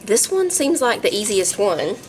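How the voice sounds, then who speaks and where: A woman's voice: mid-range voice, very animated, moderate pace, soft background music. Chatty Southern woman vlogging her garden and kitchen. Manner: chatty and homey, laughs easily, talks to her animals. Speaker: home cook and gardener, channel host. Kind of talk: casual garden and cooking vlog.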